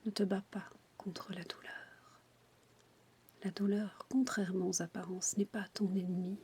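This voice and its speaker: A woman guiding a relaxation in a breathy, intimate ASMR whisper, soothing and addressing the listener directly. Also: mid-range voice, flat delivery, moderate pace, mellow. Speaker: relaxation guide for childbirth.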